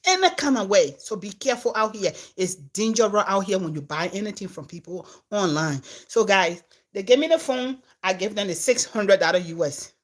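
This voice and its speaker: Her voice sits in the middle range and moves at an ordinary pace. She's a Liberian comedian and content creator, animatedly and casually telling her followers a tale that rises loud and drops to a hush.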